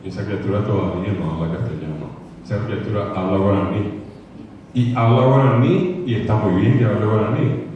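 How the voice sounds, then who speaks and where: Speaking a little fast in a fairly low voice, a congress speaker with a Paraguayan Spanish accent gives an earnest lecture that repeats itself, occasionally mimicking children's mispronunciations. He is heard from a distance in an echoey lecture hall, and the dull audio carries a faint hiss or hum.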